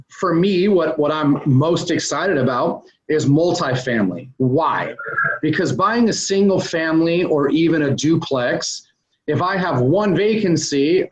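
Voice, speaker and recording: A man being interviewed as a real estate investor, explaining business ideas conversationally with plenty of "um" and "uh". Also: a little high. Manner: conversational, explains step by step with many "um" and "uh" fillers. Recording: dull lo-fi recording.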